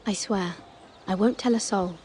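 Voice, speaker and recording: A woman's voice: medium pitch, moderate pace, darkish tone, a little hiss or hum, close to an everyday voice. A young woman acting a loyal, resolute noblewoman in a medieval fantasy video game, polite, sincere and direct. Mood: sympathetic. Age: young adult. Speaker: actor voicing a video game character. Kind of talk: dramatic video game dialogue.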